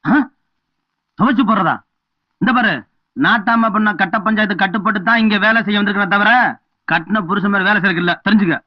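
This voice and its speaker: A man's voice: sits high, quick pace, pauses often, dry recording. A man playing a talkative, cheeky hired laborer in a film comedy. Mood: defiant. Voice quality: chatty, mock-solemn. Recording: dull lo-fi film soundtrack with music.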